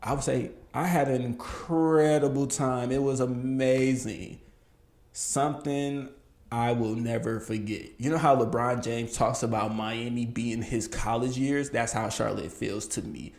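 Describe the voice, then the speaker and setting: Earnest gravelly man hosting a podcast. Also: mid-range voice, steady tone, a little slow, darkish tone, echoey room. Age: 30s. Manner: earnest, candid, reflective with bursts of emphasis. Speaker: podcast host. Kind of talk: casual solo podcast monologue.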